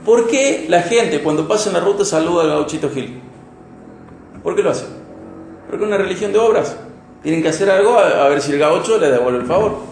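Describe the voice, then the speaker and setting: A man with an Argentine Spanish accent preaches an expository sermon from the pulpit. His voice sits a little high, and he swings from loud, emphatic peaks to soft, quiet passages. The sound is roomy, with the echo of a church hall and a faint hiss. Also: lively intonation, brisk. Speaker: pastor.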